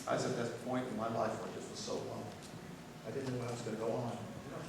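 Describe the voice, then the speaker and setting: A man's voice: mid-range voice, level tone, fast talker, vocal fry, very noisy. An older man preaching a sermon as a pastor, telling stories in a folksy way with light humor. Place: church sanctuary. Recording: very echoey hall recorded from far off.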